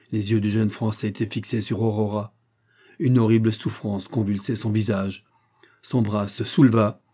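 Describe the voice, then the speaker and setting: A man reading a novel aloud in dramatic audiobook narration, with expressive rises and falls. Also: lowish voice, slightly rough.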